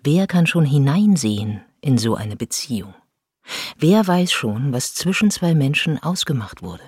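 A woman narrating a scripted spoken-word piece in a measured, grave manner. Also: a bass voice, sing-song, darkish tone, husky, no room sound, studio quality. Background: music.

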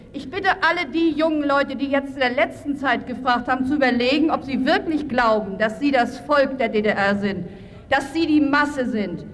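A woman speaking into a handheld microphone at an outdoor public forum, pleading insistently for calm and for her right to speak over hecklers. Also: sits high. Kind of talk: impassioned public address to a crowd. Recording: crowded open-air square. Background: noisy crowd.

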